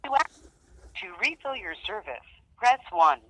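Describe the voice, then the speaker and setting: A woman's voice: medium pitch, unhurried, breathy edge, no room sound, rough recording. A woman's voice in a recorded phone menu message, reading out automated customer service options one by one. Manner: even, announcing menu options one after another.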